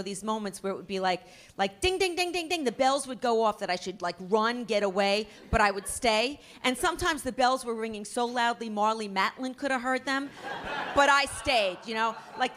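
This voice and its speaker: A woman's voice: on the high side, bright, forceful tone, slight background noise. A middle-aged woman doing a stand-up comedy routine, ranting in a brash, profane, self-mocking way.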